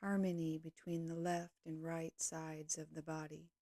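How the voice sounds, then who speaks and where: A woman with a low, mellow voice guides a yoga nidra meditation, speaking calmly and gently in short, measured phrases. The slow, instructional narration is captured in a dry, studio-quality recording.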